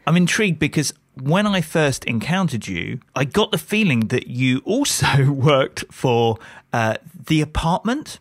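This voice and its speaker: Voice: mid-range voice, unhurried, no echo. Laid-back interviewer asking follow-ups, mid voice, dry close mic. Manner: relaxed, curious, conversational follow-ups. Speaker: interviewer, host. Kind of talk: casual interview questions.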